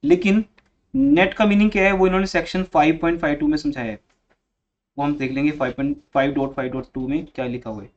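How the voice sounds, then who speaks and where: A man's voice: on the high side, fairly even intonation, quick pace, muffled recording. A male commerce teacher giving a classroom economics lecture, coaching and scolding students on how to read theory aloud.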